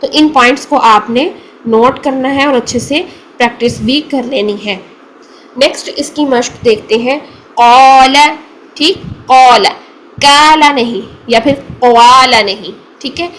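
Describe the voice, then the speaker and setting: A woman with a Pakistani Urdu accent gives a careful recitation lesson in a fairly high voice. She sounds out single syllables slowly and repeats them patiently. A faint hiss sits under her voice. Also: a bit bright, rough recording. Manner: patient, slow demonstrating of letter sounds. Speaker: Quran recitation teacher. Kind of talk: tajweed lesson.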